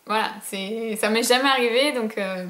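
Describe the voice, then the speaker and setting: A woman's voice: fairly high pitch, normal speed, a bit bright. A young woman from France chatting enthusiastically to camera about her beauty purchases, with many fillers. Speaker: beauty vlogger. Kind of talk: casual haul chat to camera. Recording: echoey room.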